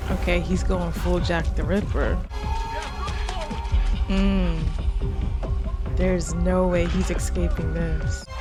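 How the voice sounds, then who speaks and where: A woman hosting a reaction video, talking back to the screen in blunt, profane casual commentary. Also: lowish voice.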